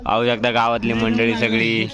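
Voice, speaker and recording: A man's voice: fairly low pitch, monotone, moderate pace, crowd noise. A man vlogging outdoors in a village near water, chatting casually and teasing on a handheld phone. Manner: playful, teasing. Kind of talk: casual vlog chat.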